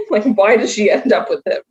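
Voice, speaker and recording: A woman's voice: mid-range voice, a little mellow, poor audio. A woman guest on a podcast in casual chat, wry and laughing through her stories.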